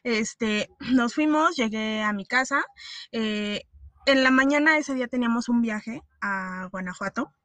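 A woman's voice: a little high, a little slow, no room sound. A young Mexican woman telling a personal story in casual chat, acting out what people said. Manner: animated storyteller, acts out dialogue.

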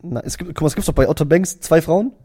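A young man co-hosting a podcast, chatting casually and excitably, full of jokes and slang. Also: fairly high pitch, quick pace, husky. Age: young adult. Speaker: podcast co-host. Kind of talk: casual chat.

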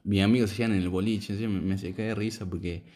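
A man's voice: on the low side, steady tone, very fast, dark tone. A young man with an Argentine accent telling a rambling story in casual chat, full of slang and fillers. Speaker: podcast co-host telling a story.

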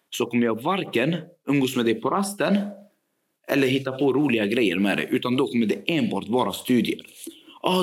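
This medium-pitched male speaker spins an anecdote during casual podcast talk, voicing the characters animatedly and often dropping in fillers.

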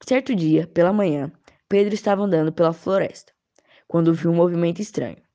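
Woman reader, low warm voice, steady story narration, muffled lo-fi recording. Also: fairly quick. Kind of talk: storytelling read-aloud. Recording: dull lo-fi recording.

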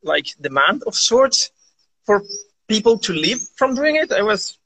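A Chilean man, interviewed over a live video call, rambles casually and peppers his speech with "like". He speaks a little slowly in a high, sing-song voice that's sharp and husky, with poor audio.

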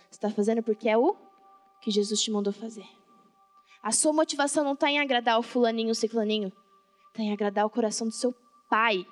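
High-voiced fervent Brazilian woman preacher. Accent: Brazilian Portuguese. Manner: fervent, colloquial, keeps asking the congregation questions. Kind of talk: sermon. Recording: reverberant hall, faint background music. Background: faint music.

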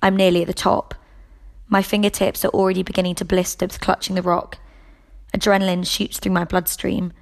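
A woman reading a novel aloud in the first person, in a steady, measured way. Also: medium pitch, vocal fry. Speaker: audiobook reader.

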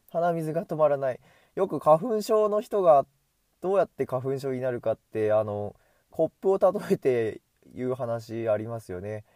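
A man's voice: mid-range voice, very animated, moderate pace, darkish tone, no echo. A man chatting casually to himself while walking outdoors, self-amused, with a runny nose from hay fever, speaking into an earbud headset mic. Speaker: solo podcaster. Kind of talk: casual rambling monologue.

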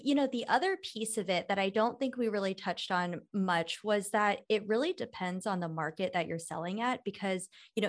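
A woman co-hosting a podcast, talking in a relaxed, conversational way with frequent fillers. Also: mid-range voice. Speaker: podcast co-host. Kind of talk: casual podcast chat.

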